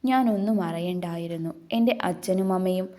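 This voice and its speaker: A woman voicing a fragile, grieving young wife who speaks in broken, halting phrases. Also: fairly low pitch, mellow, natural voice. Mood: distraught.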